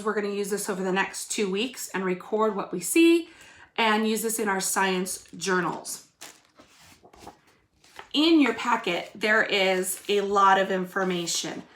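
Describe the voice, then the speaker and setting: Her voice sits in the mid-range with a bit of brightness, and a faint hiss or hum runs under the recording. She's a teacher addressing young pupils directly in a casual video lesson, walking them through each step in an echoey room.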